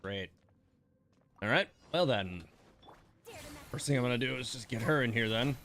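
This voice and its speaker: A livestream gaming host chats casually while playing, talking himself through his choices. He speaks at a moderate pace with lively intonation, in a medium-pitched voice that is a bit bright.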